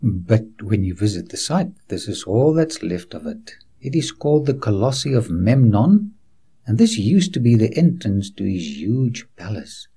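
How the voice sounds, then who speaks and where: A man narrating a documentary in a slow, unhurried delivery, guiding the viewer from place to place like a tour guide. His voice is low, dark and a little husky. His intonation rises and falls widely as he speaks earnestly and reassuringly to the viewer as a friend. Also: sing-song. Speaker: documentary presenter. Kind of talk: scripted documentary narration with preaching asides.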